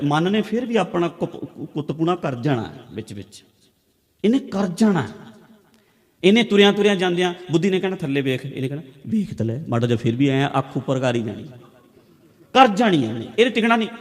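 Punjabi male preacher, higher-pitched voice, conversational repeated teaching lines, long hall reverb. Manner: conversational, repetitive teaching with everyday examples. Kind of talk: religious discourse. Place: large hall with a congregation.

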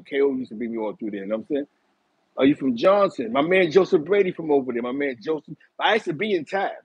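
Reminiscing animatedly and talking with his hands, a middle-aged host from East Harlem with a New York City accent tells casual stories to a live chat in a small bright room. His voice is a little high with a breathy edge. There's no room sound, and the recording is low quality.

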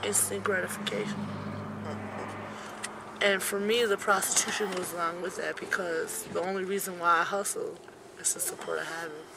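A young woman giving a candid, blunt, streetwise interview, swearing freely, in the back of a car. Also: mid-range voice. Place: back seat of a parked car. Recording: noisy car interior recording.

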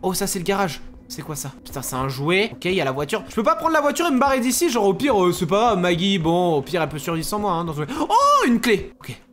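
A man narrating his own gameplay for viewers in a loose, chatty way. His pitch jumps all over the place, from low mutters up to high yelps. He swears freely. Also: fast talker, hardly any pauses. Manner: excitable, shrieks and giggles when startled; swears casually, talks to viewers. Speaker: gaming YouTuber. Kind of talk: casual let's-play commentary.

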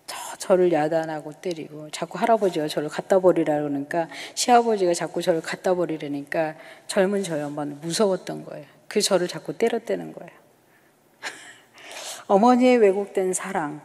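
A woman's voice: lowish voice, warm tone. A woman in her fifties from the Gyeongsang region, a missionary giving an emotional church testimony. She tells her story by acting out remembered dialogue and sometimes drops to a whisper. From Gyeongsang, South Korea. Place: church worship hall. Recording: reverberant church hall.

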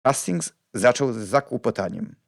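A man narrating an audiobook in an expressive storytelling manner. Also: medium pitch, moderate pace, vocal fry, no echo, clean studio sound. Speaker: audiobook reader.

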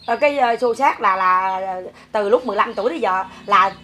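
A woman's voice: mid-range voice, brisk, pushed and bright, a little hiss or hum. A woman in her fifties with a Southern Vietnamese accent, telling her story in a rambling way with many fillers. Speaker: interviewee, mother. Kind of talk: casual storytelling.

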